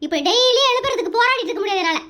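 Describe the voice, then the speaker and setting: Cartoon comedy: performer as a frazzled, nagging mother, very high and fast, all threats and scolding. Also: expressive, sharp tone, exaggerated voice. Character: scolding frazzled young mother, shrill temper. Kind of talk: Tamil cartoon comedy dub.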